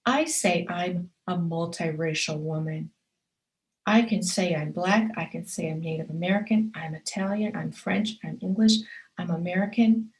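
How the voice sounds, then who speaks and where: An author and publisher hosts her own show, delivering an earnest motivational talk in a slightly low voice at normal speed. She stacks short, punchy affirmations and repeats key phrases, addressing the listener directly to encourage them. The recording is rough.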